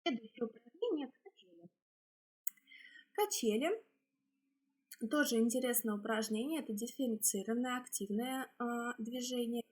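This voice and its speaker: The speaker is a female speech therapist whose voice is slightly husky and a little high. She lays out exercises step by step, pausing haltingly as she instructs.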